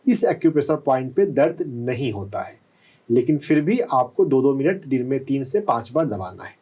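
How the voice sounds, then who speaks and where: A man working as a doctor, calmly explaining answers to callers on a live health call-in show and often checking with "है ना?". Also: mid-range voice, moderate pace, breathy edge, rough recording. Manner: calm, explanatory, often asks "है ना?".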